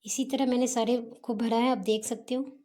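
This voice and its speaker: A woman teacher with a fairly high, mellow voice talks students through their homework answers. She explains patiently and unhurriedly, often mixing English words into her sentences. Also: steady tone. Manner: patient, explains slowly with Hindi-English mix.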